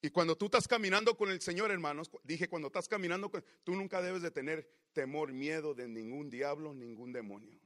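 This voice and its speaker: Impassioned preacher man, bright voice. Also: brisk, few pauses. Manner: impassioned, swings from loud outbursts to low murmurs. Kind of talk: sermon.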